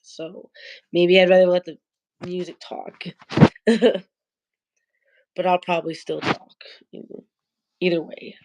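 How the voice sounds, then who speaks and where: This stuffed-up livestream host speaks slowly in a lowish, level, slightly mellow voice, pausing often as she rambles into her phone late at night. Her congested, nasal tone and loose, a-little-stoned manner come through a lo-fi phone camera.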